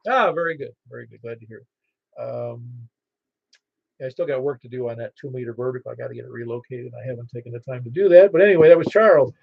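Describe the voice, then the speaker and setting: Creaky-voiced man running a ham radio net. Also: medium pitch, no room sound. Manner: halting, procedural, repeats call signs phonetically. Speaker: amateur radio net controller. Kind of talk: radio net roll call with phonetic call signs. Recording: dull, band-limited ham radio audio.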